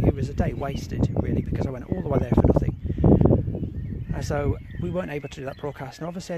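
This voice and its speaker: A man's voice: fairly high pitch, mellow, a little hiss or hum, low-quality recording. A man hosting a live outdoor broadcast, talking casually and rambling with restarts and repeated fillers. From England. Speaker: host of a live exploring broadcast. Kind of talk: casual live-stream monologue. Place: outdoors at an abandoned rail site.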